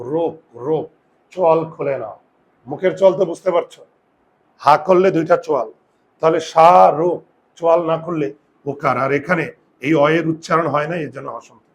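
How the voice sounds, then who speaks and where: A man teaching a Bengali grammar class, explaining step by step and asking students whether they follow. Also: on the high side. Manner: drawn-out, emphatic pronunciation of example words. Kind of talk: classroom lesson.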